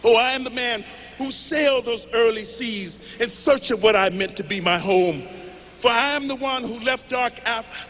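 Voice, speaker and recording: A man reciting poetry as an impassioned rally speech, declaiming in measured phrases. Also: very high voice, bright, forceful tone. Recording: noisy large hall with long reverb.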